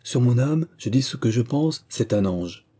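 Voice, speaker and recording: Man doing smooth flattering young squire, courtly flowery talk, dark husky voice. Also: medium pitch, moderate pace. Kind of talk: audiobook reading.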